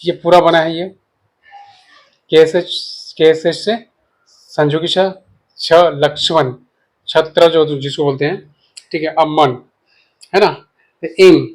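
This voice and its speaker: Man patiently teaching spelling, repeating himself. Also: on the high side. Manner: patient, repetitive, checks in with listeners often; explains while writing. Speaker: English teacher. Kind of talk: casual spoken lesson.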